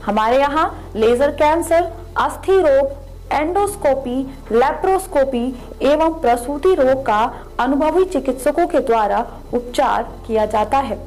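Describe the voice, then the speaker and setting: High-pitched woman doing an advert voice-over. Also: lively intonation, measured pace, a little mellow, rough recording. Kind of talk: scripted hospital advertisement narration.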